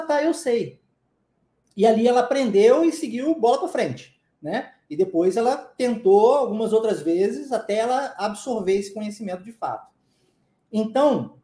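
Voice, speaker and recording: A man's voice: high-pitched, warm tone, roomy sound. A man with a Brazilian Portuguese accent teaching an English lesson, explaining emphatically and often checking in with the listener. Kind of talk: online language lesson.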